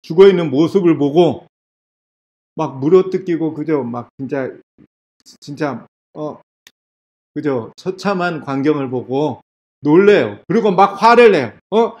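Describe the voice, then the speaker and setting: A man's voice: fairly high pitch, animated, a little slow, a little mellow. A male pastor preaching a sermon in a church. He tells stories, asks the congregation questions and acts out scenes. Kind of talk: sermon at a revival meeting. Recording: dull lo-fi sound.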